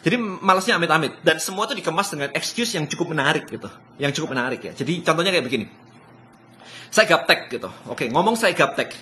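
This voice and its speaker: A man giving a motivational business talk on a live stream, excitable and laughing often, dropping English phrases into casual speech. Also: a little high, fast talker, slight background noise. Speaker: business speaker.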